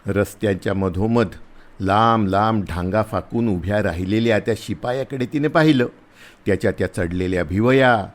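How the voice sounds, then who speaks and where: A man reads a short story aloud in a measured, expressive way. His pitch moves a great deal from phrase to phrase, and his voice sits in an ordinary middle range.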